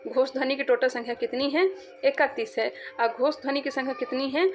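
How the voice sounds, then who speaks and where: A woman's voice: high voice, steady tone, soft background music. A woman teaching an exam-prep lesson, repeating points and quizzing her students as she goes. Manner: repetitive, quizzing, drawn-out syllables.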